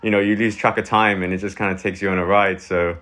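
Low-pitched and quick, the voice belongs to a thirty-something man from Hong Kong appearing as a guest. He chats casually and easygoingly, rambling along with plenty of "like" and "you know."

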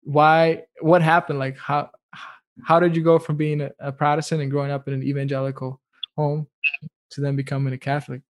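Young man, podcast host, from the Dominican Republic, casual and chatty, laughs a lot, higher-pitched. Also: little pitch movement, fairly quick. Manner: chatty, laughs often, fillers like "like".

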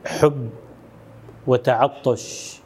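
A man who hosts the interview and asks his questions slowly and deliberately. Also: medium pitch, steady tone, crowd noise.

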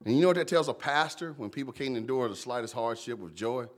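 In church, a pastor preaches a sermon at a quick pace in a big, booming voice. He shifts between loud, emphatic lines and hushed, warm asides. His preaching is lively and conversational, and he calls on congregants directly by name.

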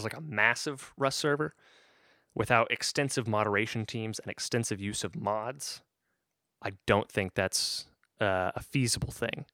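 A man's voice: on the low side, a bit bright, no echo, clean studio sound. A man co-hosting a podcast, explaining at an easy pace with lots of ums and restarts. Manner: easygoing, explains at length with fillers and restarts. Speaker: podcast co-host. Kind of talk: casual gaming chat.

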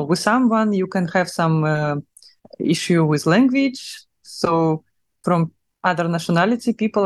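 Chatting casually as an interview guest, a young adult woman from Russia speaks accented English, full of fillers and laughter. Her voice is on the low side with a darkish tone, and the recording is dry.

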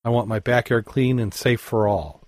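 A man co-hosting a podcast, reading dive news articles aloud and chatting, halting with fillers and self-corrections. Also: medium pitch, a little mellow, no room sound, studio quality. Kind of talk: casual news reading and chat.

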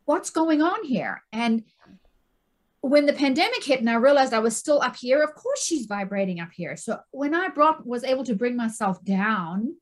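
A middle-aged woman, a stress and anxiety coach, talking as a guest in a casual interview, animated, often repeating words and asking "right?". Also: a little high, moderate pace.

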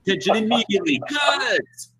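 A man's voice: a little high, moderate pace, heavy background noise, close to an everyday voice. A man voicing a male prisoner who fakes illness, pleading melodramatically to the guards. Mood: whining. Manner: melodramatic, pleading, breaking into laughter.

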